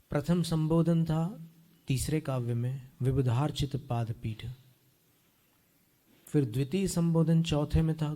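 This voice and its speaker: Male recitation teacher, fairly high voice, unhurried and methodical, slowly chanting verse and explaining sounds. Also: mellow. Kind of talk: pronunciation lesson on Sanskrit verse. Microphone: close microphone.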